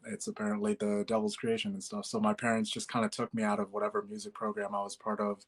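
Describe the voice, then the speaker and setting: A man's voice: on the low side, monotone, fast talker, husky. A man in his twenties from Bangladesh, a musician guest chatting casually in an interview, with many fillers and easy laughs. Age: 20s.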